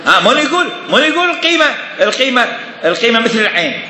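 A man's voice: very high-pitched, big pitch swings, racing, roomy sound, in a large hall, crowd noise. A man giving a seminary lecture on religious law, emphatic and full of rhetorical questions.

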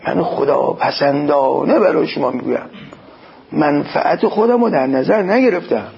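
A man's voice: on the high side, animated, creaky, breathy edge, lo-fi sound. A man preaching a sermon, quoting Arabic phrases and explaining them in an exhorting tone. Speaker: cleric.

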